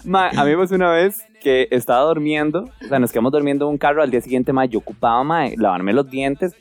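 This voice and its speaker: A young man with a Costa Rican accent, co-hosting a casual chat and telling funny stories with lively acted-out quotes. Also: medium pitch, fast, no room sound, faint music behind. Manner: animated, acts out quoted voices, fillers of "mae". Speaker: podcast co-host.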